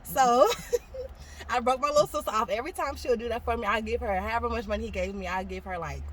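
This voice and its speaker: A young woman casually telling a personal story to an interviewer, animated and acting out the voices of the people in it. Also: on the high side, quick pace, a little hiss or hum. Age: young adult. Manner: animated, acts out quoted voices, laughs often. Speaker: guest telling her story.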